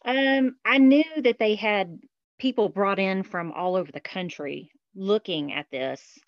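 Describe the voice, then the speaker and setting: A woman guest on a podcast, speaking in a soft, hesitant way with fillers. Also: medium pitch, measured pace, dry recording, highs cut off. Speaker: interview guest. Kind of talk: casual conversational interview.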